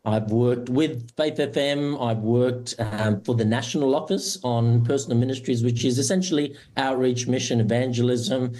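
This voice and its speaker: A middle-aged man from Romania, a church administrator and pastor, giving steady interview answers. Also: medium pitch. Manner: measured, steady answers with occasional "uh" fillers.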